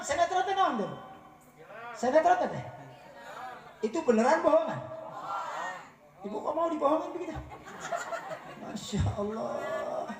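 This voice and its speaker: A man's voice: very high-pitched, background noise. A man preaching a humorous sermon, teasing his audience and often asking them whether he is right. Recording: echoey room, voice from far off the mic.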